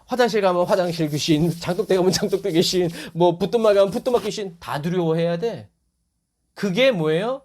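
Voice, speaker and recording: A male pastor preaching in a high, very animated voice that leaps up and drops low. He keeps throwing questions at his listeners and answering them himself, and he acts out the quotes he brings in. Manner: acts out quoted voices with sudden rises in pitch. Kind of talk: sermon.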